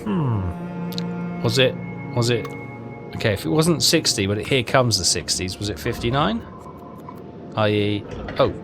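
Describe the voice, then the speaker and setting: This walkthrough narrator has a medium-pitched voice with lively intonation and vocal fry, speaking unhurriedly and pausing often. He mutters casually and hesitantly while working through the game, with game music underneath.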